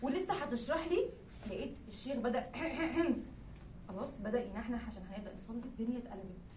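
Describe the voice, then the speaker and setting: A young woman with an Egyptian accent telling a comic story at a live event, animated and laughing through her words. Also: a little high, quick pace. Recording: echoey room, distant mic, background noise.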